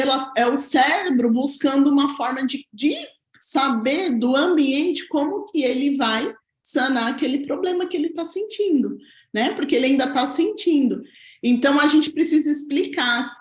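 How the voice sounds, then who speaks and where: High-pitched woman explaining parenting. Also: reverberant. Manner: explanatory, frequent tag questions. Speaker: parenting educator. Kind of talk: talking-head parenting lesson. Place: at home.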